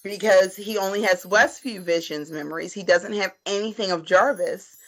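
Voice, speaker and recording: A woman's voice: mid-range voice, moderate pace, poor audio. Emphatic woman in casual panel chat. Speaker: podcast panelist. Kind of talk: casual film and TV discussion. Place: indoors at home on a video call. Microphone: video call.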